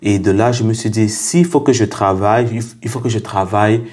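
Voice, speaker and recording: Young guy with a lowish voice, earnest, says things twice to drive it home, guest on a chat show. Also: a little fast, a little mellow, husky. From Cameroon. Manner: earnest, repeats phrases for emphasis. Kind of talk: casual interview, telling his story.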